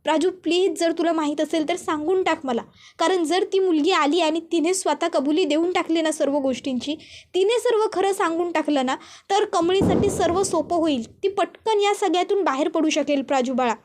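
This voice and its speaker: A woman's voice: very high voice, moderate pace, a little mellow. A woman voicing an anxious young man who urgently pleads and reassures in a retold serial story. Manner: urgent, coaxing, repeats pleas.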